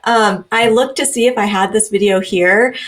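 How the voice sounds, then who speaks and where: A woman's voice: mid-range voice, normal speed. A young adult woman co-hosting a podcast in casual chat, chatty, often laughing, with plenty of ums and likes. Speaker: podcast co-host.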